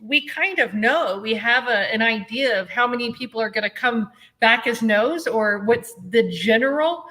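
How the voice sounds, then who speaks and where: A woman's voice: on the high side, moderate pace, few pauses, pushed and bright. A woman who runs a convention, talking casually in an interview and laughing easily. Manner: chatty, laughs often. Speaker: convention director.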